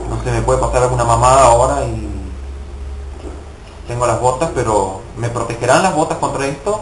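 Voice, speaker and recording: A man's voice: medium pitch, fairly quick, reverberant, slight background noise, rough recording. A young man casually commenting on his gameplay, swearing and mocking himself in frustrated outbursts. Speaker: gaming video host.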